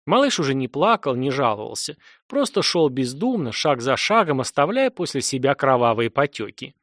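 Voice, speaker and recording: Male audiobook narrator, animated delivery, dry booth. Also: medium pitch, moderate pace, no echo. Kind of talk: scripted dramatic narration.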